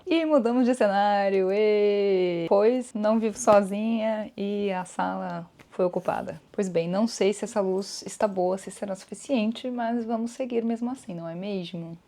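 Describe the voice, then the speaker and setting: A woman's voice: mid-range voice, a little mellow. A woman from Brazil hosting her own podcast, talking casually and reflectively to her listeners and acting out bits of inner dialogue. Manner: chatty and reflective, calls listeners "gente", acts out inner dialogue. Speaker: podcast host. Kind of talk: casual solo podcast talk.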